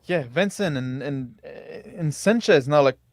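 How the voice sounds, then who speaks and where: A man role-playing casually as a tabletop game player, halting and repeating his words. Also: fairly high pitch, animated, dry recording. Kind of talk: casual in-character role-play.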